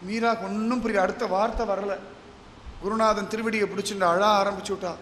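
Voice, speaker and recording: A man's voice: high voice, fairly even intonation, a little fast, fairly bright tone, slight background noise. A man telling a devotional story in dramatic, emotive narration with vivid comparisons, in an echoey hall. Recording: echoey hall with faint ambience.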